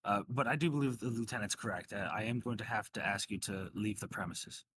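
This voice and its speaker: A man's voice: fairly low pitch, a little fast, noisy background, natural voice. A man voicing a rambling, hesitant professor with a formal, polite manner in a tabletop game. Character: rambling, polite male professor at a draconic college.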